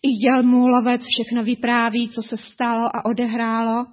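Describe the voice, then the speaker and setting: A woman telling a story to children, lively and speaking to them directly. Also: fairly high pitch. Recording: dull lo-fi recording.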